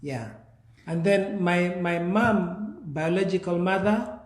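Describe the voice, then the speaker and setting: A man in his forties, originally from Kenya, slowly telling his life story as an interview guest, with pauses and restarts. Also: sits high, reverberant. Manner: slow, measured, with pauses and restarts.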